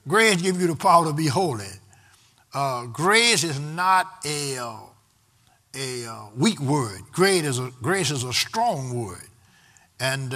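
A man's voice: fairly high pitch, bright, forceful tone. A man preaching a sermon, in rhythmic repeated refrains that build in intensity. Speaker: pastor.

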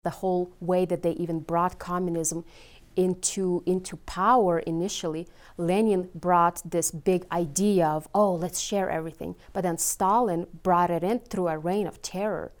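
A woman's voice: lowish voice, fairly even intonation, normal speed. A woman from Ukraine, giving matter-of-fact interview testimony.

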